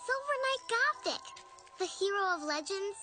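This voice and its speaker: An actress playing an eager, star-struck young girl in an animated film. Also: very high-pitched, normal speed, faint music behind, heavily acted. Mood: awed.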